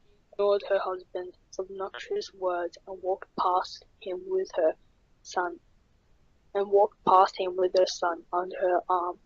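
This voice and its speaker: Woman narrator for a horror story reading, a bit husky, muffled lo-fi audio. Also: on the low side, a little slow. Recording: dull lo-fi.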